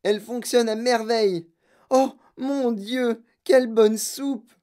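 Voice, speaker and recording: A woman voicing a spoiled, boastful girl who shouts with glee while chewing gum, in a storybook reading. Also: on the high side, unhurried, pitched above the performer's own voice, lightly acted. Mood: gleeful.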